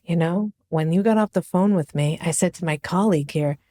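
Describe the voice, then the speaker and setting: Playful woman podcast host, lowish voice. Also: fairly quick, mellow. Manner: playful, teasing, laughs easily. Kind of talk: casual podcast chat.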